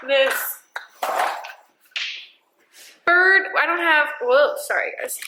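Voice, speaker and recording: A young mother talks to her camera at home in a high, bright voice, drifting between thoughts with plenty of ums. The room rings noticeably around her, with a faint hiss underneath. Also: echoey room. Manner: chatty and scattered, many ums and trailing asides. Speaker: vlogger, mother of two. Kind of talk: casual chat to camera. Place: at home by a window.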